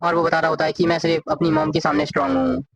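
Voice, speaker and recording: A man narrating a comic story in a casual, rapid, run-on retelling, reading the characters' lines aloud as he goes. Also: a little high, very animated, creaky, dry recording, poor audio.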